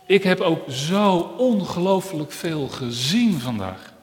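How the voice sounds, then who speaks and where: A man voicing a proud, boastful talking eye in a children's story, speaking loudly and mockingly in a church with long reverb. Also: on the high side, expressive, slow pace. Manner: loud, bragging, mocking.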